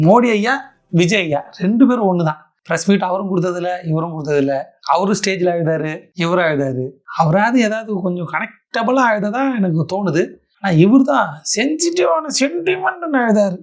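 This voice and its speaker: Sarcastic, lively commentator. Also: mid-range voice. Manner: sarcastic, teasing, theatrical. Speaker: satirical commentator. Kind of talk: mocking reaction commentary.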